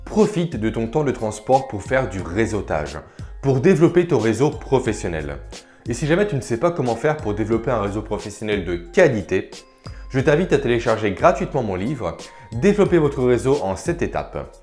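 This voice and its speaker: A man talks straight to the viewer in a chatty, informal advice vlog. His pitch sits in the middle but swings up and down a lot as he explains. Quiet music plays faintly behind him. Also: sing-song, moderate pace. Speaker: career coach vlogger.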